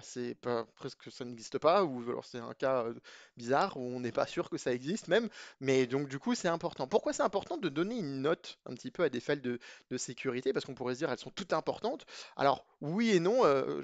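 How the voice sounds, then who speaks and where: A young man talks through a technical topic in a loose, chatty way, often restarting and filling pauses. His voice sits a bit high for a man. It is recorded close and dry, with no room sound. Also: dry recording, dull audio. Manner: conversational, many fillers and restarts. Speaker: cybersecurity explainer. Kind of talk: casual educational explainer.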